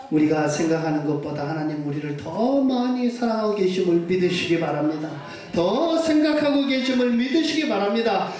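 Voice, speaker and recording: A male pastor preaching a fervent sermon to his congregation, urging them on, asking questions and having them repeat after him. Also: very high voice. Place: church sanctuary. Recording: echoey church hall from far off.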